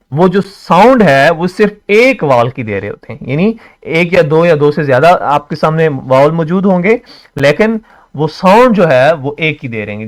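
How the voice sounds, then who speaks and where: English teacher man, slightly high voice. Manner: repeats words slowly, asks and answers his own questions. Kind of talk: classroom explanation.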